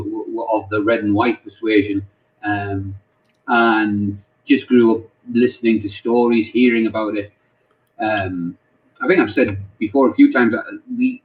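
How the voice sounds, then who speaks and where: A football club chaplain from North East England answers interview questions casually on a tinny call. He speaks in a fairly low voice, haltingly, often repeating words.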